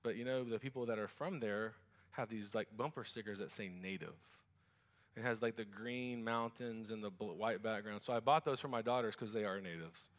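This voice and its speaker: A man's voice: lowish voice, normal speed, in a large hall. A man preaching as a pastor. He reads scripture, prays, then talks to the congregation in a conversational way with restarts and asides. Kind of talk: sermon with scripture reading and prayer.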